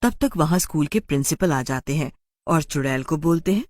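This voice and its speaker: Expressive woman narrating a storybook. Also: low voice, a little fast, no room sound. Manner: expressive, acting out every voice.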